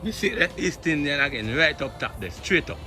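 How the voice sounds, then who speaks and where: A man from Jamaica with a Jamaican accent, giving an excited walking-tour vlog outdoors among fruit trees. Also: on the high side, brisk, slight background noise. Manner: exclamatory, excited, keeps repeating "look at this". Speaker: vlogger.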